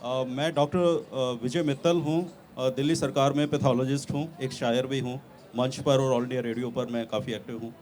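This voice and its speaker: A man in the audience, a pathologist and poet, introducing himself in a measured way with fillers. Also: mid-range voice, steady tone, a little mellow.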